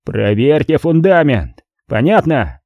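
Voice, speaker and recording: A man's voice: mid-range voice, big pitch swings, a little slow, no echo, dull audio, pitched above the performer's own voice. A man voicing a panicked, short-tempered male gang boss who snaps out orders. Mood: harsh. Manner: barking, snapping orders.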